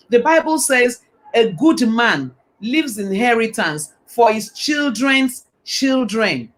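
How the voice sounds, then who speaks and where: A woman hosts a live online talk show with an enthusiastic, affirming manner. She sums up her guest's points and asks questions with lively energy. Her voice sits at a middle pitch. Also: slight background noise. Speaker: host.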